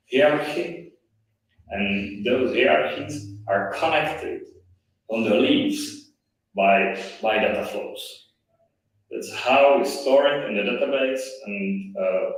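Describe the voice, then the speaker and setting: A man giving a technical conference presentation, talking haltingly with restarts, his voice played through a loudspeaker and re-recorded. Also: mid-range voice. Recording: echoey, distant speaker re-recording.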